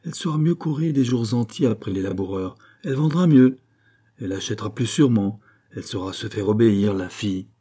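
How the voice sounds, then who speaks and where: A man's voice: on the low side, fairly quick, mellow, lightly acted. A man voicing an older farm wife and mother, speaking in an emphatic, declaiming way in an audiobook. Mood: resigned.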